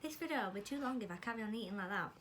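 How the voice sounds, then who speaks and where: A British woman from the United Kingdom chats very fast and expressively in a medium-pitched voice while tasting snacks for her vlog. Talking between bites, she mocks herself playfully, and the background is noisy.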